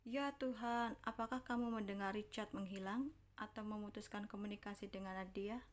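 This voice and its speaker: A woman teaching a language lesson on English slang, reading each example sentence slowly and carefully, then translating it. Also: mid-range voice, steady tone.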